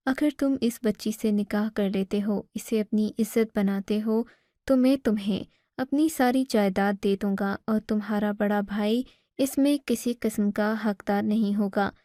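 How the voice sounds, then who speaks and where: A woman's voice: medium pitch, fairly even intonation, warm tone, no room sound, studio quality, lightly acted. A woman voicing a stern, angry father.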